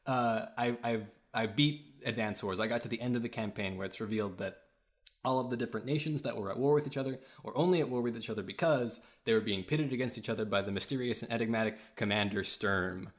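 A fairly low-voiced man talking casually as a podcast co-host. He rambles through his points with many fillers and keeps breaking into laughs, speaking into a podcast microphone. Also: fast talker. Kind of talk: casual chat. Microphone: podcast mic.

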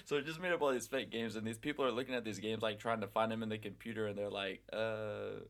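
A man's voice: on the low side, fairly even intonation, racing, a bit bright. A young man who teaches English abroad, chatting casually and laughing often. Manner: easygoing, laughs often, filler-heavy. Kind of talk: casual chat.

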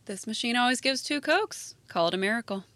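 An American actress voices a burned-out, sarcastic high school teacher in a naturalistic audio drama, flat and blunt in manner. Her pace is a little fast, and the recording is dry.

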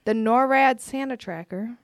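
A woman's voice: fairly high pitch, unhurried, dry recording, clean studio sound. A woman co-hosting a podcast, telling stories and running a quiz game with lots of laughing. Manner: giggly, storytelling. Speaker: podcast co-host, game runner. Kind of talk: casual chat.

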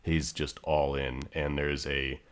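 A man with a very deep voice speaks as a guest in a film discussion. He is informal and enthusiastic, chatting casually. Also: little pitch movement, slow. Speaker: guest podcaster.

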